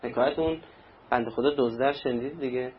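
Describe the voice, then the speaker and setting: Speaking at a medium pitch, a man gives a conversational sermon and acts out little anecdotes. There's a bit of hiss or hum on the dull, lo-fi recording, which has faint ambience.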